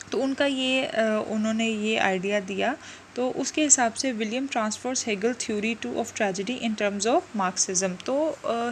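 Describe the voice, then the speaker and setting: A woman teacher lecturing on literary theory, slowly and carefully over English quotes. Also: fairly high pitch, fairly bright tone, a little hiss or hum, rough recording. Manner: explains in a mix of Hindi-Urdu and English, slow over English quotes. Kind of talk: lecture explaining a literary text.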